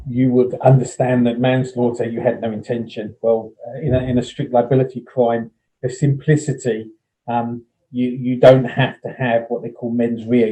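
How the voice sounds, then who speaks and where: A man's voice: medium pitch, mellow, rough recording. A man giving a plain-spoken talk on landlord licensing rules, explaining with everyday comparisons and frequent ums.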